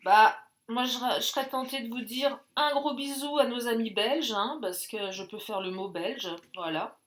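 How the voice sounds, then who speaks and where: A woman's voice: a little high, normal speed, a bit bright. A woman doing a casual card reading, chatty and jokey, thinking aloud with many fillers. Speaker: tarot and oracle card reader.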